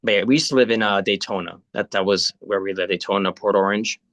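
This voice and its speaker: A man's voice: fairly low pitch, fairly even intonation, quick pace, a bit bright, no echo, highs cut off. A man in his late thirties, born in Italy, chatting casually on a video call, rambling with many fillers and restarts. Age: 30s. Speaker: spiritual guide.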